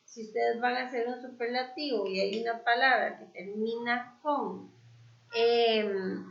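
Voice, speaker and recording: Woman teacher, slow, patient explanations with fillers, gravelly, echoey lo-fi sound. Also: on the high side, fairly even intonation. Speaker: English teacher. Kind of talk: online class review.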